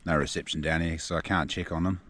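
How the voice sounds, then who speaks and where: A man with a rumbling low, fairly bright voice talks at a quick pace with fairly even intonation. He's a Kiwi vlogger with a broad accent, chatting casually and slangily in a relaxed outdoor adventure vlog recorded in a noisy, ambient outdoor setting.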